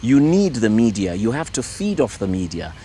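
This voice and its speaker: A middle-aged Irishman with a rather low voice speaks as a priest interviewed in his own home, faint traffic audible in the background. In this relaxed conversational interview he's hesitant, pausing often, repeating words and using many fillers as he hunts for the right phrase. His delivery is sing-song at a moderate pace.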